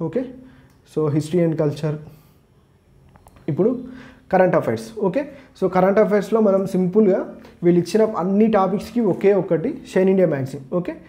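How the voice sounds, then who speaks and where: Fast-talking man, Telangana Telugu accent, Telugu-English mix, mellow tone, informal exam tutor, explanatory. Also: sits high. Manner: mixes Telugu with English words and phrases; explanatory, repeats "okay, so" as a linking phrase. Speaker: exam prep teacher. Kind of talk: informal exam syllabus walkthrough.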